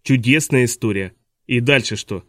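A man's voice: mid-range voice, normal speed, dry recording, studio quality, close to an everyday voice. A man voicing a petty, tyrannical vice principal who is bossy and smug and snaps at everyone, in an audiobook. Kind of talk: audiobook dialogue reading.

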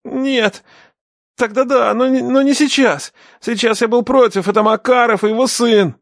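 A man's voice: extremely high pitch, steady tone, normal speed, no room sound, studio quality, pitched above the performer's own voice. A man doing a panicky, stammering captive begging for mercy. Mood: panicked pleading. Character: frightened middle-aged male captive begging.

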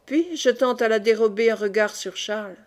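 Woman reading a historical novel aloud. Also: fairly high pitch. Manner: even, measured storytelling. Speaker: audiobook reader. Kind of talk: scripted narration of a historical novel.

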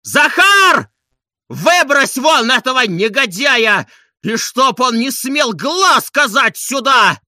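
A man voicing a normally gentle man driven to fury in an audiobook, shouting strained, drawn-out commands. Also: extremely high pitch, sing-song, dry recording, studio quality, pitched above the performer's own voice, full character voice. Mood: furious. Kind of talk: audiobook character reading.

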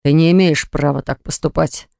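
A reader voicing a jealous, hot-tempered man who growls and hisses his words, lower than the narration, in an audiobook. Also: fairly even intonation, moderate pace, vocal fry, dark tone, dry recording, clean studio sound. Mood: seething. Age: adult. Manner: growling, hissing through teeth. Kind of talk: audiobook acting.

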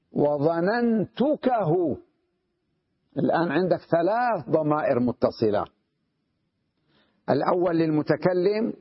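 Husky man teaching Arabic grammar. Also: fairly high pitch, no room sound, highs cut off. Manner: explains patiently, checks understanding with repeated questions; sounds out wrong word forms slowly to contrast them. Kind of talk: classroom grammar lesson.

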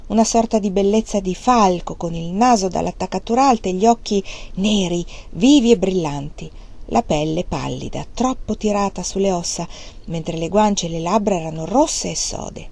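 A woman narrating a novel as an audiobook, reading in a measured, expressive way. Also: on the low side, gravelly. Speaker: audiobook reader.

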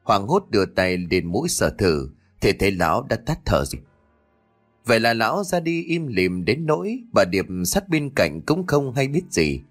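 Low-voiced man narrating a horror story. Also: normal speed. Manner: dramatic, expressive storytelling. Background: faint music.

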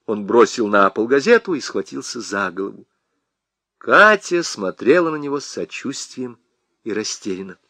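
A man's voice: mid-range voice, expressive, normal speed, sharp tone, no room sound. A man reading an audiobook aloud with theatrical expression on a close studio mic. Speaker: audiobook narrator. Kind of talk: scripted audiobook narration.

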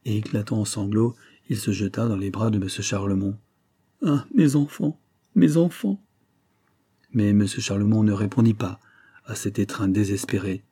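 A man narrating an audiobook of a classic novel in a measured, expressive reading. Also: on the low side, husky, no room sound, studio quality.

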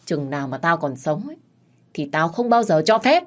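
A furious middle-aged father, voiced by a woman narrator, barks harsh commands at his daughter in an audiobook story. The voice sits fairly low and cuts hard. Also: big pitch swings, moderate pace. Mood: stern.

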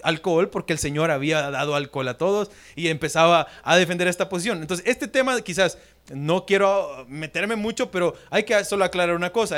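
High-voiced preaching pastor. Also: male voice. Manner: animated preaching, acts out quotes, asks the congregation questions. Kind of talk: sermon.

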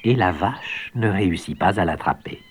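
Lively male storybook narrator. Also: moderate pace, a little hiss or hum. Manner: gentle, expressive read-aloud, varied pitch.

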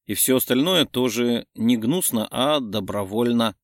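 A man's voice: medium pitch, unhurried, no echo, studio quality, close to an everyday voice. A man voicing a young woman heroine, slightly raised and breathless. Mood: flustered.

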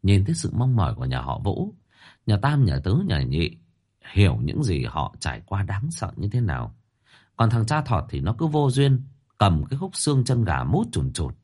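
A male storyteller reads a ghost story in a colloquial, wry way. His voice is low and husky, with a lively, rolling pitch. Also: moderate pace. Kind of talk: scripted ghost-story narration.

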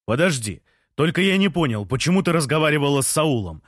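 A man voicing Jean, an excitable, slow-witted man who shouts questions and announcements, in an audiobook. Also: on the high side, no echo, clean studio sound, voice pushed up. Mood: boisterous.

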